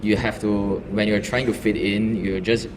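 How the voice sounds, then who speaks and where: Low-voiced man, halting, in a noisy room. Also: little pitch movement. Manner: halting, self-correcting storytelling. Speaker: guest. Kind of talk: casual panel chat. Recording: reverberant room with noticeable noise.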